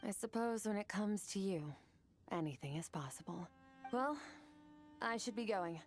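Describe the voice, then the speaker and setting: A woman voicing a composed, aloof young warrior in a video game, speaking in a measured, reserved and quietly softened way. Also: medium pitch, lively intonation, faint music behind, natural voice. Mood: calm, reflective.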